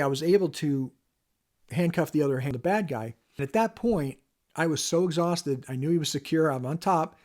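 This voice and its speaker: Man, slightly high voice, casual first-person story, animated, talks straight to the viewer. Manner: animated, acts out quoted voices with sharp rises in pitch; conversational, addresses the viewer directly. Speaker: former police officer telling a personal story.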